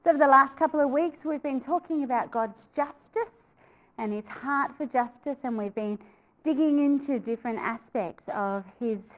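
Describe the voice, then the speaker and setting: A middle-aged woman, a church team leader, opening an online church message with pauses and fillers. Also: sits high. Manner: warm welcoming talk with fillers and pauses. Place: church set, indoors.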